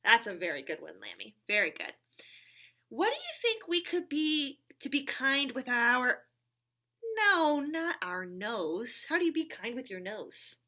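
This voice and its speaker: Sing-song and unhurried, her slightly high voice comes across bright and forceful. The woman is hosting a church story time for young children, speaking to a puppet companion with simple encouragement and frequent check-in questions.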